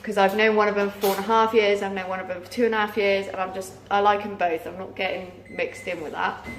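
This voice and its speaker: Over music, a British woman in her thirties talks fast in a mid-range voice with little pitch movement. A vlogger and mother, she chats to camera in a casual, rambling way, tired and losing her voice to a sore throat, with roomy echo and clear background noise.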